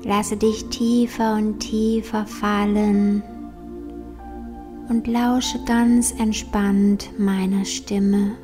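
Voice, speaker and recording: A woman leads a guided meditation in a soft, breathy near-whisper. Her delivery is very slow and soothing, with long pauses. Gentle new-age music plays behind her. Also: mid-range voice, level tone.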